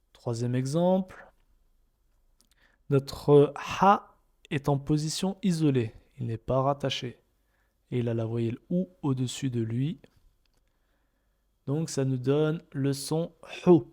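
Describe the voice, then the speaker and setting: Male teacher, slow patient delivery, mellow dark tone, walks learners through each example. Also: mid-range voice. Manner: patient, repeats each point, models sounds. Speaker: Arabic reading teacher. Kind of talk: step-by-step lesson narration.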